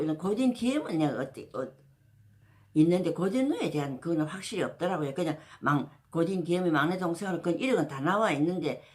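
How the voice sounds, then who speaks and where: Casual spoken history comes from a female channel host whose voice sits low with a darkish tone. She rambles through the story, peppering it with fillers and restarting often.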